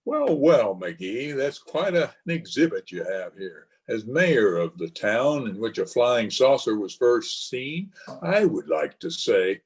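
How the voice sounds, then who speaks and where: An actor playing a dry, formal small-town mayor in an old-time radio comedy, sarcastic and easily flustered. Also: male voice, mid-range voice, big pitch swings, takes it slowly, few pauses. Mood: pompous, impatient. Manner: formal, sarcastic, getting tongue-tied.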